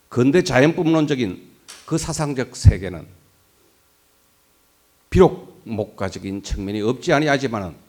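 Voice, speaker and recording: A man's voice: mid-range voice, a little mellow. An older man, a law professor, giving an earnest, dignified acceptance speech at an award ceremony. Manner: earnest and dignified, with emphatic rises and falls.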